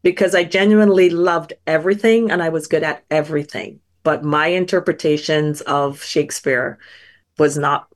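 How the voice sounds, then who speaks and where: Earnest woman with a low voice. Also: fairly even intonation, moderate pace. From Barbados. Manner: thoughtful, earnest, frequent small restarts. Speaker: scientist guest. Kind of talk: reflective personal storytelling.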